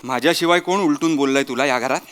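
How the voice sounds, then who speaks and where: A man's voice: medium pitch, fast talker, fairly bright tone, soft background music, lightly acted. A man playing a harried young husband caught between his wife and his mother, exasperated and preachy, with a Marathi accent. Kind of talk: sketch comedy acting.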